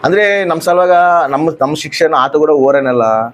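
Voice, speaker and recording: A man's voice: fairly high pitch, animated, moderate pace. A man. He repeats his phrases and drives the point home with question after question, then answers them himself. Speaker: pastor. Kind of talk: sermon.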